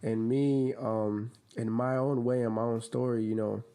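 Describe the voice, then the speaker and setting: A Dominican man guests on a podcast, chatting casually in an interview about his clothing brand. His mid-range, mellow voice stays flat and a little slow, laid-back and slangy with lots of fillers.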